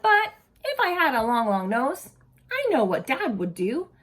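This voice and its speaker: Woman, higher-pitched and slow-paced, for an animated children's read-aloud with simple questions to young listeners. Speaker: early childhood educator reading aloud. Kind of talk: expressive picture-book read-aloud with asides to young children.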